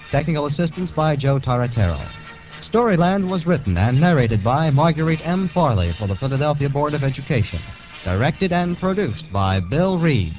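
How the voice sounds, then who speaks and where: A man's voice: mid-range voice, darkish tone. Guy reading radio credits, old broadcast disc sound, muffled, music going behind. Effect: old broadcast disc recording. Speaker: radio announcer. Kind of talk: formal program credits. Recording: dull lo-fi 1950s radio transcription with music. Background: music playing.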